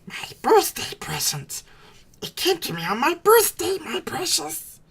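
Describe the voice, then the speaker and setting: A man voicing a wretched, wicked cave creature with a raspy, hissing voice, whining and muttering to himself in a storybook reading. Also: very high voice, huge pitch swings, unhurried, fairly bright tone, voice pushed up, heavily acted. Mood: obsessive whispering. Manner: whiny muttering to himself, erratic and drawn out. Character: miserable, wicked, slimy cave creature, wheedling and resentful.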